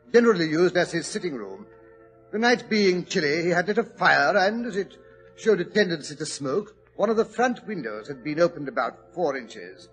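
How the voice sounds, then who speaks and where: A man playing Doctor Watson, a genial British gentleman telling a detective story on a 1940s radio drama. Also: fairly high pitch, slightly rough, heavily acted, low-quality recording. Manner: chatty, chuckling, mildly pompous British gentleman. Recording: old radio broadcast recording.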